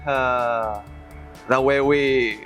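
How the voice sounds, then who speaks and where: A friendly, easygoing co-host from Venezuela, a native Spanish speaker, chats casually with faint music in the background, repeating words as he thinks. His mid-range voice is steady and fairly bright, and he talks extremely slowly.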